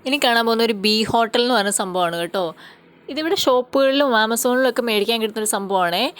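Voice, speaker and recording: A woman's voice: a little high, a little fast, fairly bright tone. A woman from Kerala giving a casual, chatty farm-tour vlog outdoors in a garden, explaining things and often tagging on little questions. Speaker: vlogger.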